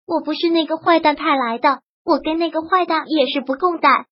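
A woman's voice: sits high, fairly quick, dry recording, dull audio, lightly acted. A woman voicing a lonely, downcast young actress who talks in an earnest, pleading way, in a storybook reading.

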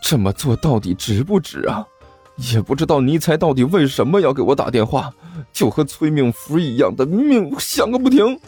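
A man's voice: a little high, sing-song, moderate pace, darkish tone, breathy edge, faint music behind, exaggerated voice. A man voicing a chubby, panicky schoolboy who whimpers, groans and stammers dramatically. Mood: fretting.

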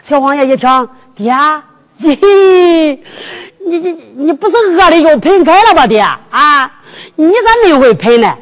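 A woman's voice: high voice, very animated, moderate pace, a bit bright. A woman voicing a naive, dim young prince who stammers and fumbles, with a Henan accent, in a drum-ballad tale. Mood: bewildered. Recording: long hall reverb with music.

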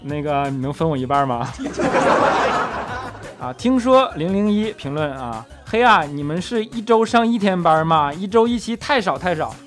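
A man's voice: a little high, expressive, soft background music. Teasing man. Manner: teasing, quick comebacks, chuckling often. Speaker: podcast host reading listener comments. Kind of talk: comedic comment-reading show.

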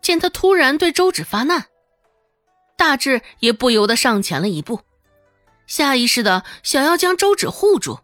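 A woman tells a serialized novel as an audiobook, with a fairly high voice that moves lively up and down. The sound is dry and close. Faint background music plays under her narration. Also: normal speed, no echo. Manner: lively storytelling, voicing every character.

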